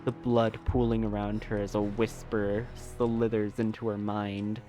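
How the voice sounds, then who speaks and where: Guy streamer reading a game out loud, slow, cusses and laughs a lot, faint music. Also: fairly low pitch, flat delivery. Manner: laughing, swearing, exaggerated outbursts. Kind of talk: reading game narration and reacting.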